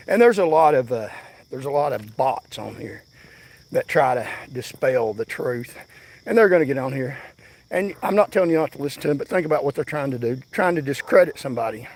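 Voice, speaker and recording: Breathless older man livestreaming. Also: mid-range voice. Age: 60s. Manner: insistent, preaching to viewers. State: out of breath from jogging. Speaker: livestream host. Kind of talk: livestream commentary. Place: outdoors, on foot.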